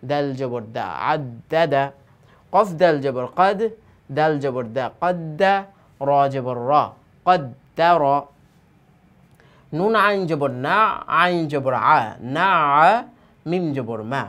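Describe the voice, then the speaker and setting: A teacher with a Bangladeshi Bengali accent, patiently spelling out Arabic syllables in a Quran reading lesson. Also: medium pitch. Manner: patient, slow, syllable-by-syllable drilling.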